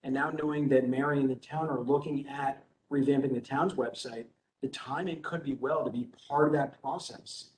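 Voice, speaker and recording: A man's voice: mid-range voice, steady tone, moderate pace, a little mellow. A man chairs a board meeting over a video call and keeps the discussion moving in an easygoing, chatty way. His voice rings in a reverberant room, and a faint hiss runs underneath it. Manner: loose and conversational, with fillers like "you know". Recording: echoey room with faint noise.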